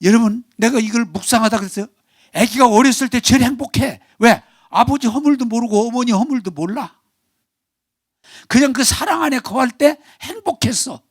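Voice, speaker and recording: A male pastor preaching a Sunday sermon in Korean, animated, acting out quarrelling family members. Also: very high-pitched, moderate pace, dry recording, studio quality. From South Korea. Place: church sanctuary.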